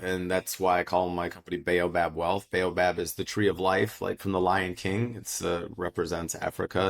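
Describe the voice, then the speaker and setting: A middle-aged American man, a financial advisor, giving steady, explanatory answers in a casual interview. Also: low voice. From United States.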